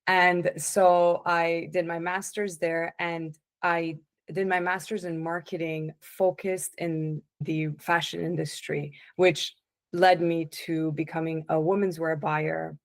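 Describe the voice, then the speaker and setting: A woman coach telling her life story as a podcast guest, in a relaxed, conversational way with frequent restarts. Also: on the low side, takes it slowly. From born in the United States, raised in Italy and Canada. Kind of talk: casual interview chat.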